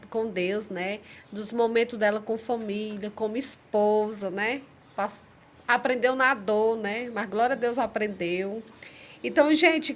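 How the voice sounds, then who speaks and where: A woman hosts a podcast in a slightly high voice. She reacts to her guest with short exclamations and then turns to the audience with an upbeat wrap-up. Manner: warm interjections, upbeat sign-off to viewers. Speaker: podcast host. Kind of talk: casual podcast hosting.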